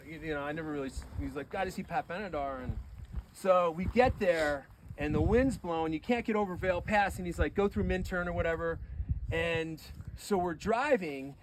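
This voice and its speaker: A man telling rambling anecdotes about a friend at a memorial gathering, getting animated as he relives the tense moments. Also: sits high, moderate pace, a little hiss or hum, low-quality recording. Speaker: eulogy speaker. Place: gathering on a deck.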